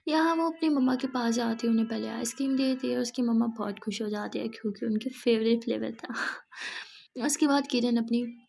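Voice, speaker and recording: High, creaky-voiced woman telling a story. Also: moderate pace, darkish tone, faint music behind. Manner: chatty, hesitant fillers, voices each character. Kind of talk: casual story narration.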